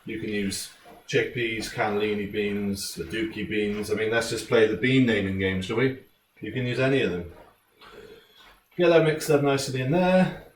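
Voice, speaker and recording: A man's voice: lowish voice, normal speed. British male home cook, chatty and jokey, casual tutorial delivery; roomy, distant recording with faint noise. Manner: laid-back, jokey, chatty. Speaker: home cook presenting a recipe. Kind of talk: casual cooking tutorial chat.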